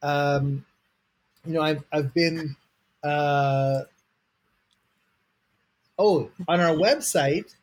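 A man's voice: a little high, steady tone, very slow, pauses often. A man chatting casually as a guest, playful and often repeating words as he goes. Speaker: guest, mustard maker. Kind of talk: casual chat.

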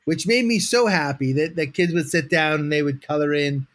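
A man's voice: a little high, moderate pace. A man chatting casually as a guest, playful and often repeating words as he goes. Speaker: guest, mustard maker. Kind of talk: casual chat.

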